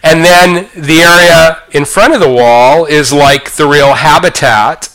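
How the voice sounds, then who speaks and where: A man's voice: fairly high pitch, unhurried, a bit bright. A man co-hosting a podcast, telling a casual anecdote in an amused, rambling way with plenty of filler words. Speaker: podcast co-host.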